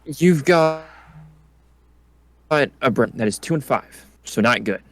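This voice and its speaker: A man's voice: medium pitch, lively intonation, slow, fairly bright tone, slight background noise. A man hosting a casual sports predictions chat in an easygoing, laid-back way. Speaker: podcast host.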